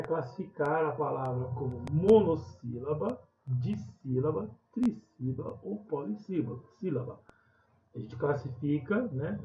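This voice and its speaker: A man's voice: a little high, a little mellow. A man, recording a video lesson and patiently explaining classroom tasks step by step. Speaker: teacher. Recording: echoey room, muffled sound, faint hiss.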